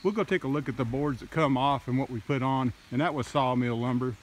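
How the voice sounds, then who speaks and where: A man narrating a casual walking tour of his wooded farm outdoors, talking in a slow, halting way with many fillers, recorded on a handheld phone. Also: mid-range voice. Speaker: farmer vlogger. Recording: faint outdoor noise.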